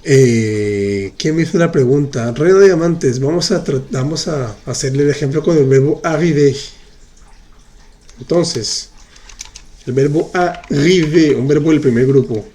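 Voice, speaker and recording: A man's voice: a little high, mellow. A man teaching in during a live online class, patiently repeating examples and answering viewers' chat questions. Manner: patient, explains slowly and repeats. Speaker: French teacher.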